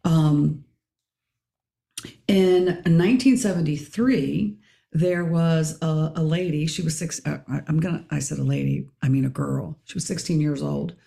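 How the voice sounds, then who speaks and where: A middle-aged woman hosts a casual podcast discussion in a hoarse, raspy voice with a gravelly, low-toned edge. She keeps clearing her throat. The sound is roomy, with a noticeable echo. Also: unhurried, warm tone. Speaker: podcast host.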